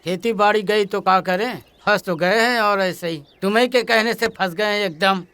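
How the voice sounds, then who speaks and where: An actor playing an anxious, indebted village farmer who grumbles and scolds. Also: male voice, high voice, moderate pace, sharp tone, clear, resonant tone. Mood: worried. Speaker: villager in debt. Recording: film soundtrack with background music.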